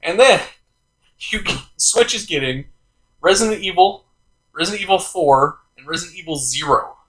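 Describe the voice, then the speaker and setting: Bright-voiced young man hosting a podcast. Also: high voice, expressive, moderate pace, rough recording. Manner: laughs often, rambling with fillers. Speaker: podcast host. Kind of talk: casual chat.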